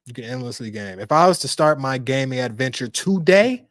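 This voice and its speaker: Animated slangy podcast co-host man. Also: medium pitch, brisk, dry recording. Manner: animated, slangy, laughs often. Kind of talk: casual chat.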